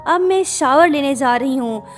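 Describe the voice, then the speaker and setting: A woman voicing a kind-hearted, shy young woman who speaks gently and reassuringly. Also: high voice, expressive, normal speed, faint music behind.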